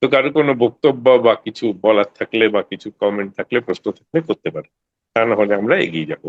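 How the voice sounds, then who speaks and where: A man's voice: lowish voice, lively intonation, fast talker, narrow, tinny audio. A man in a study group gives a rambling explanation with many hesitations and fillers. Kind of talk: explanatory discussion.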